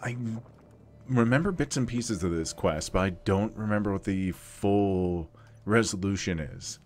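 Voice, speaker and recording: Casting: young male gamer host, deep-pitched, loose and chatty, swears freely while he plays. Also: unhurried, faint music behind. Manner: chatty, laughing, swearing, rambling. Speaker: let's play host. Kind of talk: casual gameplay commentary.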